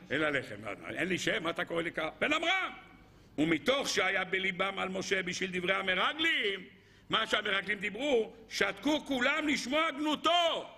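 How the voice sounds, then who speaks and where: A middle-aged rabbi teaches a Torah lesson in a high, bright voice. His tone is husky, with a gravelly edge. He keeps the listeners engaged with questions and moves between loud exclaims and low asides. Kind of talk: lively Torah lesson to a live group.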